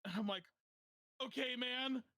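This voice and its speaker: A young man hosting a podcast, telling a funny personal story in a casual, animated way, often laughing as he talks. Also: very high-pitched, measured pace, no echo. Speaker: podcast host.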